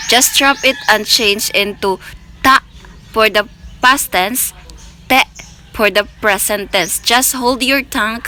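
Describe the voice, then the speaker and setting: A woman's voice: mid-range voice, sharp tone. A woman teaching a language lesson, carefully spelling out syllables one by one. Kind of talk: slow explanatory lesson. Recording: faint background music.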